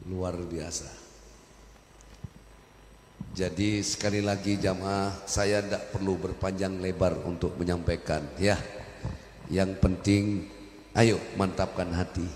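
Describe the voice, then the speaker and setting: A man's voice: sits low, a little hiss or hum. A man preaching to a congregation, emotional and impassioned, recorded in a large hall. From Madurese family. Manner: emotional, rising to loud impassioned pleading. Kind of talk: sermon. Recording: echoey hall with long reverb.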